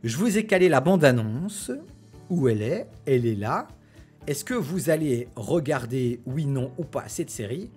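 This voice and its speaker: A man's voice: mid-range voice, animated, a little slow, a little mellow, breathy edge, faint music behind. A man with a French accent hosting a casual live stream, chatty, with many fillers and restarts as he reads out his chat. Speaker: Twitch streamer host.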